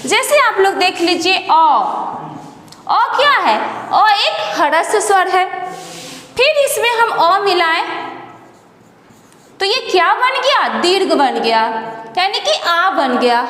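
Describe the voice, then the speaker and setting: A woman teaching a Hindi grammar lesson, explaining slowly and repeating definitions to her students. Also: extremely high pitch, very animated, fairly bright tone. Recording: echoey room with long reverb.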